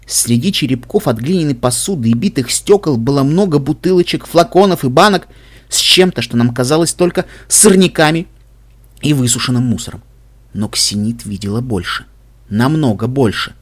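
A man's voice: medium pitch, normal speed. Man reading an audiobook evenly. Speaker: audiobook reader. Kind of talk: scripted narration.

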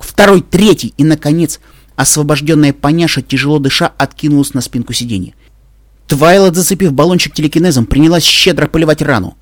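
A man narrating a story in the first person, in a steady, even storytelling manner. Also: fairly high pitch, dry recording, studio quality.

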